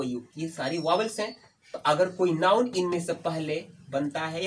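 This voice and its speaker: A man's voice: on the high side, a bit bright. A male English teacher giving a classroom-style lecture. He asks questions and answers them himself, repeats key points, and calls his students dear. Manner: addresses students fondly as "my dear". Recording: voice from a distance, faint background noise.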